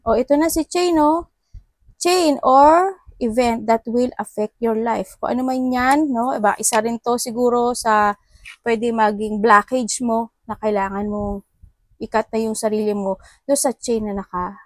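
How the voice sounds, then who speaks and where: A woman from the Philippines talks through a tarot and horoscope reading in a chatty, conversational way, checking in with tag questions. Her voice sits a little high. The recording is dry, with no room echo. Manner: chatty, mixes English into Tagalog, frequent tag questions. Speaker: tarot reader.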